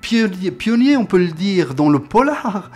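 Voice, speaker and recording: A man hosting an interview, asking questions with frequent filler sounds and quick affirming interjections. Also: sits high, sing-song, a little mellow. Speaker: interviewer, host.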